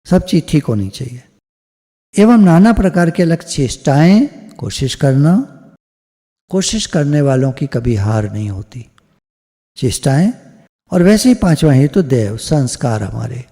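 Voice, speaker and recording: A man delivers a devotional sermon in a mellow, fairly high voice, explaining his points step by step and slipping English phrases into his Hindi. He speaks over a video call. The sound has a long hall echo. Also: sing-song, unhurried. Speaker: spiritual discourse speaker.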